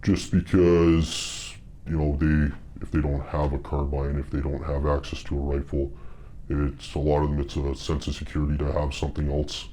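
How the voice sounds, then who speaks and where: An anonymous male police officer and training instructor, speaking in an interview through a disguised, very deep voice, halting and earnest with fillers. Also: little pitch movement, dark tone, a little hiss or hum. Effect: voice disguised, pitched very deep.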